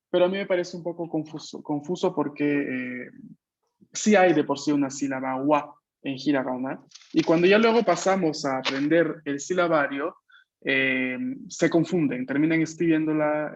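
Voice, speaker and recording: Profesor con audio apagado de videollamada. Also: male voice, a little high, lo-fi sound. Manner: patient, explanatory, asks students for confirmation. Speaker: Japanese language teacher. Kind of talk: online class explanation. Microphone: video call.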